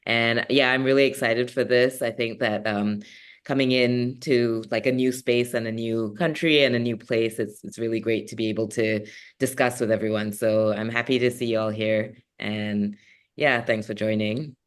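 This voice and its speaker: Young man, smooth resonant voice, mid pitch, relaxed, hesitant. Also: normal speed. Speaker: graduate peer mentor. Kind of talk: casual presentation.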